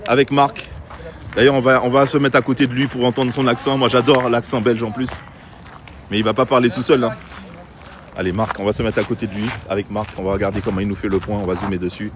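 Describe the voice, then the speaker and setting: A man's voice: mid-range voice, flat delivery, fast. A man giving chatty live commentary on a pétanque game outdoors, talking straight to his viewers. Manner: chatty, addresses viewers directly. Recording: faint street noise outdoors.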